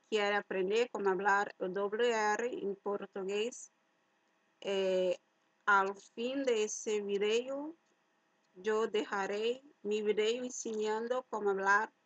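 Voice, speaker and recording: In poor, dry audio, a woman at medium pitch explains words one by one, slowly and deliberately, to Spanish-speaking learners. She mixes Spanish words into her Portuguese and hits the key words loudly.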